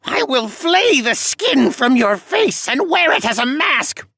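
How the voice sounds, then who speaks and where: A woman voicing a hungry, malevolent male fiend who hisses slow, gravelly threats in an audiobook. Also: high-pitched, big pitch swings, fairly bright tone, no room sound, studio quality, voice pushed up, heavily acted. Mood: menacing. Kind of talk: audiobook character voice.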